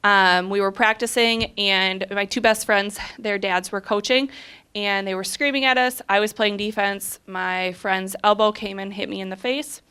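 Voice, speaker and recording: Woman from southwest minnesota, bright clear voice, earnest story on a live panel. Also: medium pitch, fairly even intonation, moderate pace. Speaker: panel guest, dentist.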